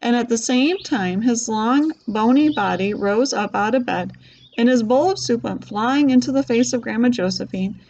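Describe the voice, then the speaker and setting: A woman's voice: fairly high pitch, normal speed, muffled recording. Woman reading a storybook aloud. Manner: lively, voicing characters lightly. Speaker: reader.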